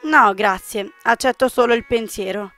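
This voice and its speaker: A woman voicing a sorrowful, gentle young man in a visual novel, soft and wistful. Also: fairly high pitch, normal speed, soft background music, lightly acted.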